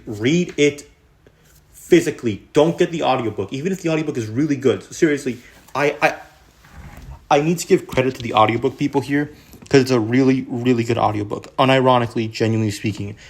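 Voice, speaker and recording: A man's voice: mid-range voice, a little mellow. A young man hosting a casual, rambling book review, full of fillers like "honestly" and "unironically". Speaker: video host.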